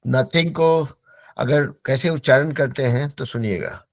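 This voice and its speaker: In an online class, a patient male teacher drills English words, repeating them slowly so students can practice pronunciation. His voice is medium in pitch, and the recording is dry.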